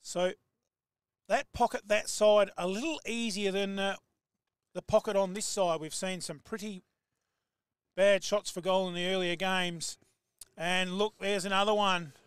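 Australian bloke calling footy live, high clear voice, dry sound. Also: male voice, measured pace, long pauses, no echo. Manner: excitable, rising to shouts on big plays. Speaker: football commentator. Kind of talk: live play-by-play commentary.

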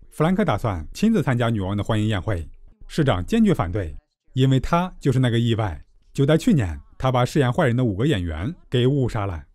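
A man giving a scripted, comedic movie recap narration with tongue-in-cheek, deadpan joking. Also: medium pitch, no echo, studio quality.

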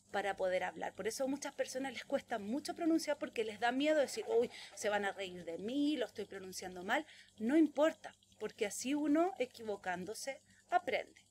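A woman teacher, giving a virtual English lesson to preschoolers and drawing out the English words slowly and loudly for them to repeat. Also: high-pitched, a little hiss or hum. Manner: exaggerated, slow, loud drill words for children to repeat.

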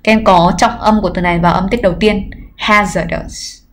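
A woman's voice: medium pitch, fairly even intonation, fast talker. Patient woman teacher reviewing an exam. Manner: explains patiently, often adds "các em" and "nhá"; frequent filler hesitations. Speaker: English teacher. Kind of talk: livestream exam review lesson. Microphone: computer mic during livestream.

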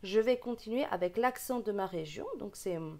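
A woman's voice: medium pitch, moderate pace, gravelly, a little mellow. A woman with a regional French accent teaching beginners to read, sounding out syllables and repeating each word patiently. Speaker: reading teacher. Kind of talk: slow reading lesson for beginners.

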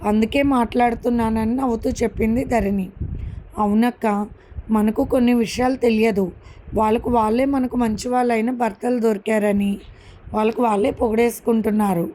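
A woman's voice: on the high side, slight background noise. A woman narrating a family love story and reading the dialogue of each character herself. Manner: lively, acts out dialogue with soft slow voices for characters.

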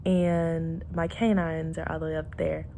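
A woman's voice: sits low, flat delivery, unhurried, gravelly, warm tone, slight background noise. A young woman vlogging casually with her fingers in her mouth as she shows her teeth, her words slightly muffled, chatty with lots of fillers. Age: young adult. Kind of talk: casual vlog chat.

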